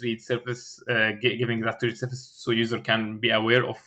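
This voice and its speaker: Halting man thinking aloud through a design. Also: mid-range voice, monotone, bright, forceful tone. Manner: halting, searching for words with many filled pauses and repeated starts. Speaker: engineering candidate in a mock system design interview.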